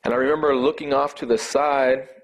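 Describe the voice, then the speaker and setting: A man giving an earnest, emotional personal faith testimony, halting at times and repeating words as he speaks. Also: mid-range voice, steady tone.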